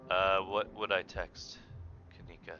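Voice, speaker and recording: A man's voice: sits low, steady tone, a little slow, pushed and bright, highs cut off, soft background music. A man hosting a video game playthrough, reading the game text aloud and joking with his viewers. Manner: goofy, jokey, talks to chat. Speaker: gaming channel host.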